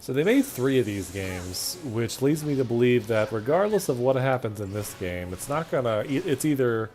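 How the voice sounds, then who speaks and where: A man's voice: mid-range voice, big pitch swings, normal speed, a little mellow, slight background noise. A man streaming a video game, chatting and joking as he thinks aloud. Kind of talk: casual gameplay commentary.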